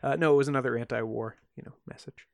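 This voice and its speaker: Quick-paced and gravelly in a mid-range voice, a podcast co-host jokingly narrates a strange tale, filling it with fillers. The clean studio recording has no room sound.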